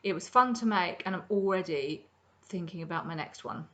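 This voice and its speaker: An expressive middle-aged woman with a lowish, slightly bright voice hosts a crafting podcast from her home kitchen at normal speed. Her casual show-and-tell about her projects is chatty and rambling, with plenty of ums.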